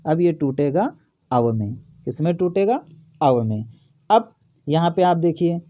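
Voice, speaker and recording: A man's voice: high-pitched, warm tone. A man teaching an exam-prep grammar lesson from a notebook, asking a question and then answering it himself. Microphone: phone or camera over a notebook.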